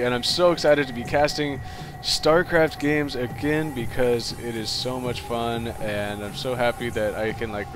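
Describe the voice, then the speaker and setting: A man's voice: mid-range voice, a little hiss or hum. A young man casually commenting play-by-play on a strategy game, rambling and saying "like" a lot. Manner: rambling, filler-heavy, says "like" a lot. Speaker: game caster.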